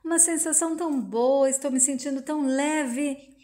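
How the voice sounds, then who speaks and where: A woman's voice: high voice, fairly even intonation, normal speed, dark tone, close to an everyday voice. A woman reading the lines of an earnest young woman torn between love and life. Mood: yearning. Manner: earnest, yearning.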